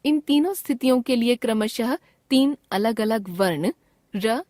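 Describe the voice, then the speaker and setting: A woman teaching grammar from a textbook, each word spoken slowly and carefully, often twice over for practice. Her voice sits a little high, and the rules come out in an even, measured recital. The recording is dry and close, with no room sound around her. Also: dry recording. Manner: repeats each word twice for pronunciation drill. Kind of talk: slow, careful textbook reading.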